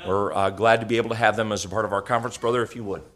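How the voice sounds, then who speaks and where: A pastor introducing a missionary guest to his congregation in a warm, affirming way. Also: lowish voice, steady tone, rapid-fire. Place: church sanctuary.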